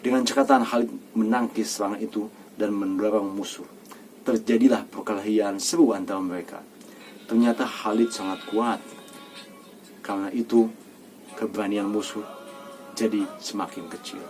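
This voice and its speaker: A man reading a children's story aloud in a steady, even way. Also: lowish voice, moderate pace, long pauses, soft background music.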